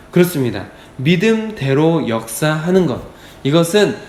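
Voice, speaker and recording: A pastor preaching an emphatic, repetitive sermon at a dawn prayer service in a church. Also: male voice, fairly high pitch, a little mellow, a little hiss or hum. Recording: echoey church hall.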